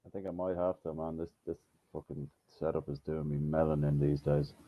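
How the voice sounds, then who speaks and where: A man's voice: extremely low pitch, steady tone, brisk. Give me a fed-up, swearing man on a podcast call whose dull, distant mic makes him sound like he's talking from a cave. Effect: muffled cave-like echo from a bad mic setup. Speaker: podcast co-host. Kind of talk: casual chat. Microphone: laptop mic on a video call.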